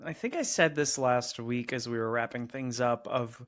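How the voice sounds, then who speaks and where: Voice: mid-range voice, normal speed. A co-host of a film podcast, chatting casually in an easygoing way and laughing along.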